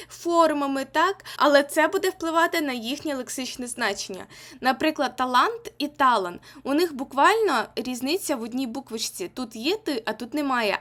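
A woman's voice: sits high, a bit bright. A young woman with a Ukrainian accent teaching an exam-prep language lesson online, explaining patiently and repeating key points.

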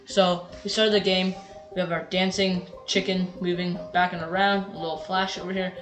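A woman's voice: fairly low pitch, little pitch movement, normal speed, heavy background noise. A woman hosting a coding channel, casually walking through her clicker game demo, rambling and correcting herself as she guesses at numbers. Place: at a computer, screen recording. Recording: roomy echo with loud game music.

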